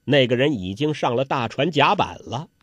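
A man telling a traditional Chinese story, dramatic, moving between loud exclamations and hushed asides. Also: medium pitch, lively intonation, moderate pace, slightly rough, no room sound, muffled recording.

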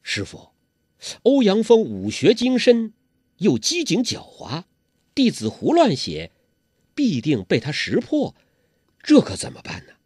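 A man's voice: high voice, wildly swooping pitch, measured pace, long pauses, darkish tone, husky, dry recording, studio quality, voice pushed up, exaggerated voice. A man voicing an earnest, simple-hearted young male disciple who speaks plainly and respectfully.

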